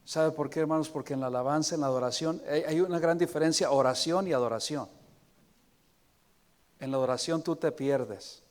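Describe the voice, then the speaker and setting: A man preaching a sermon as pastor, moving between emphatic exhortation and soft, prayerful words. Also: on the high side, brisk. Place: church sanctuary. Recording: long reverb of a church hall.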